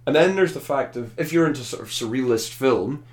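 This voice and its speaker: A man's voice: mid-range voice, a little fast. A man chatting casually about a film, thoughtful and rambling, often restarting his sentences. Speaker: film reviewer. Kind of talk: casual podcast chat.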